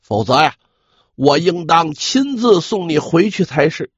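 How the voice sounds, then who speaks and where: A man, a dramatic storyteller, voicing a wounded Mongol khan who feigns weak, humble conciliation in a gravelly, halting, sighing voice. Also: a little high, very animated, no echo, exaggerated voice. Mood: weak, pained. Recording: dull, slightly lo-fi audio.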